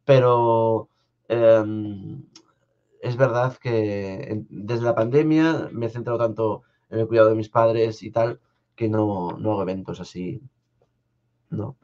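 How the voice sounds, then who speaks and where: A young man from Spain hosting a live stream from a home studio, talking in a soft, halting way with many restarts as he answers viewers. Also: lowish voice, steady tone. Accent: Spanish from Spain. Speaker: live-stream host reading viewer comments. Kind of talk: casual live chat. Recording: slightly dull lo-fi stream audio.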